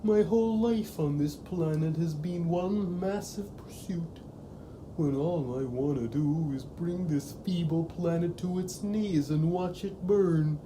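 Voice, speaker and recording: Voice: medium pitch, slow pace, background noise, lightly acted. An actor in a comedic audio drama playing an ancient evil pumpkin-headed monster, melodramatic, sulky and sentimental, with theatrical self-pitying speech.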